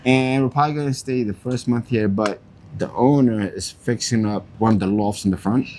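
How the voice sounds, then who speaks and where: A man's voice: mid-range voice, fairly quick, darkish tone, slight background noise. A young man from Queens, chatting casually in an interview and acting out the quotes in his stories. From Queens, New York. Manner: loose storyteller, acts out quotes.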